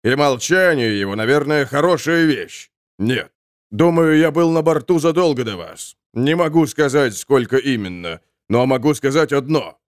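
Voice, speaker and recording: A man's voice: medium pitch, lively intonation, normal speed, no echo, close to an everyday voice. A man voicing a weary, sardonic male soul who talks dryly. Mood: wry. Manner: dry, sardonic.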